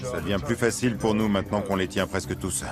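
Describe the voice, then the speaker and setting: Un acteur en piégeur déterminé, voix plutôt grave. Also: male voice, low voice, fast, close to an everyday voice. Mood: determined. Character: determined male wildlife catcher on the job. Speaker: animal catcher in a dubbed documentary. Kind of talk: dubbed documentary reality commentary. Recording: loud music behind the voice.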